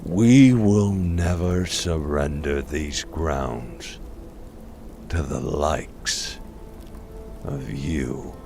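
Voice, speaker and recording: An actor playing an arrogant, menacing warrior chieftain in a dark fantasy audiobook, with a hard, sneering delivery. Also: male voice, fairly low pitch, measured pace, few pauses, over music, close to an everyday voice. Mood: cold menace.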